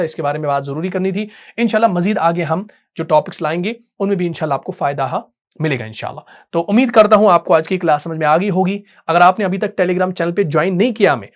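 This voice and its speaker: A man teaching an online Quran recitation class, explaining patiently and often checking that students follow. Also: a little high.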